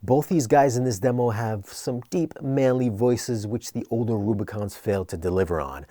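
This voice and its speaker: A man narrating an equipment review in a conversational but scripted, measured, explanatory way. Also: medium pitch, warm tone, dry recording, clean studio sound.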